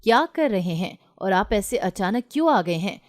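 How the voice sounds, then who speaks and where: A woman narrator voicing an anxious but defiant young unmarried daughter in a storybook reading, insistent and sharp-tongued. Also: medium pitch, animated, natural voice. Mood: angry. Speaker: daughter in a read-aloud story.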